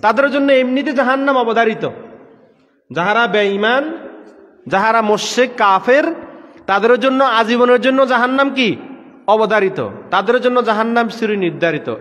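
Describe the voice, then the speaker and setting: High-voiced man preaching, asking and answering. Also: fairly bright tone, big-room sound. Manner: repeats each point as a question and answers it himself. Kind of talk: sermon with call-and-response questions. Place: gathering room with power trouble.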